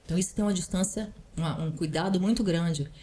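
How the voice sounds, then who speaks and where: A woman's voice: on the low side, quick pace, warm tone. A woman, a parental counselor, explaining earnestly in a podcast conversation and often adding small tag questions. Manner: earnest, advising, often adds "né". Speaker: parental counselor and psychoanalyst guest.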